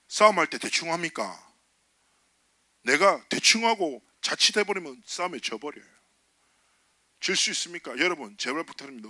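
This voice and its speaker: A man preaching a lively sermon to a church youth group, telling stories and acting out the dialogue in character voices. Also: a little high, no room sound. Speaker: youth pastor. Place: church sanctuary.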